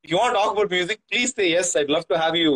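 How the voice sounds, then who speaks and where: A male podcast host with a South Indian Tamil accent speaks in a high voice with lively swings. He goes very fast, keeping it slangy and informal as he mixes English and Tamil. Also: poor audio. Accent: Tamil Nadu, South Indian. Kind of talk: casual live podcast chat.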